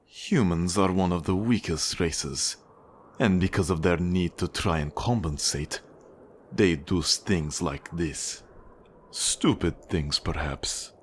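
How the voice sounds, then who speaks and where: Playing a Russian mafia boss in ASMR roleplay, this man uses a Russian accent and a husky, low voice. He lectures coldly, manipulative and condescending, in a measured, menacing way. The audio carries a slight hiss or hum.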